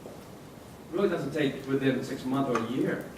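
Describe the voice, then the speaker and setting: A male legislator with a mid-range voice speaks to a panel audience in halting remarks full of fillers and restarts. He sounds far from the mic in an echoey hall, with heavy echo and a clear hum of noise behind him.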